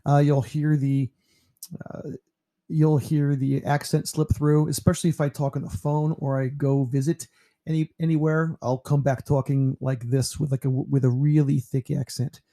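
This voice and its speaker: A man of about fifty from New York, a teacher narrating a slideshow about himself in a relaxed, rambling way with lots of fillers. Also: fairly high pitch, normal speed. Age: 50s.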